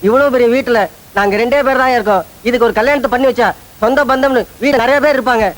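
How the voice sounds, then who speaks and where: A man's voice: very high-pitched, steady tone, quick pace. An actor playing a rich old father, once a wrestler, who laments comically in a Tamil film. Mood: lamenting. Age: older. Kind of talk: Tamil film comedy acting.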